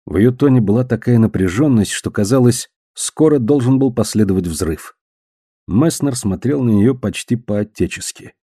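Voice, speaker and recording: A man narrating a literary audiobook in an even, measured reading. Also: mid-range voice, husky, no echo, clean studio sound.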